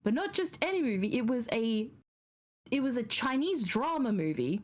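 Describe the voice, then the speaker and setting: A woman's voice: on the high side, sing-song, moderate pace. A woman streamer in casual chat, telling things in a rambling, giggly way.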